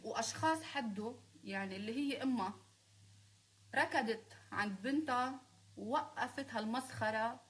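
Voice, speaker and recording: Lebanese woman, high voice, live-stream rant: confrontational, scolding, sarcastic. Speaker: singer speaking on a live stream.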